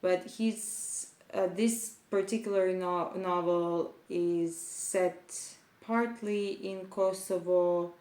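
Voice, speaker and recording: A young woman reviewing books in a casual vlog, talking in a thoughtful, measured way with pauses and restarts. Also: on the low side, steady tone, a little mellow. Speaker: book vlogger. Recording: echoey room.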